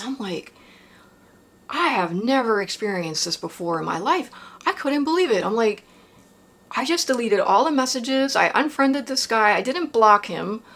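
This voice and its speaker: A woman's voice: mid-range voice, a bit bright. A woman vlogger recounting a personal experience in a casual confessional monologue, rambling with lots of fillers and tag questions.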